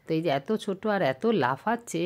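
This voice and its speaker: Holding a camera as she strolls through an outdoor zoo, a woman narrates a casual walking vlog in a fairly low voice. She talks fairly quickly, chattily and excitably pointing things out along the way.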